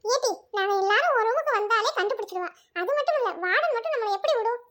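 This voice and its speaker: A woman's voice: very high-pitched, lively intonation, quick pace, a bit bright. A woman performing a one-woman comedy skit, chatty and often giggling as she plots.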